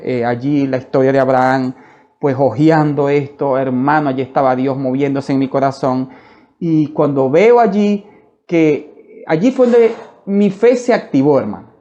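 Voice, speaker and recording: Male preacher, fervent testimony sermon, mellow dark tone, muffled lo-fi church recording. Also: on the high side. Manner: fervent, repeatedly addresses listeners as "hermano".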